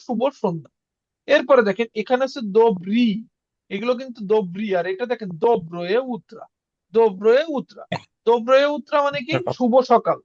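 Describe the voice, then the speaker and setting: A man teaching a casual beginner lesson, repeating words slowly for learners. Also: extremely high pitch, no echo, dull audio. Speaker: Russian language teacher.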